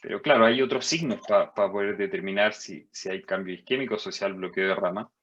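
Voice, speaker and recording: A man giving a medical lecture as a physician, measured and explanatory, jumping higher in pitch to stress key points. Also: fairly bright tone, lo-fi sound. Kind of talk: medical lecture over slides.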